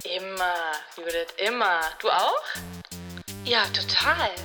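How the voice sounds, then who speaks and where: A woman acting out an excited skit between two bubbly friends as a podcast intro. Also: mid-range voice, slow. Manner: exaggerated, excited, playful. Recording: music playing loudly behind.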